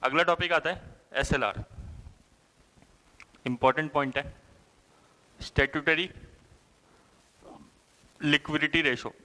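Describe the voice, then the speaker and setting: A man's voice: on the high side, unhurried, long pauses, pushed and bright, long reverb tail. A male teacher giving an exam-prep lecture, who asks questions and answers them himself and keeps checking with the class, "hai na?". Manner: explanatory, with frequent "thik hai" and "hai na" checks.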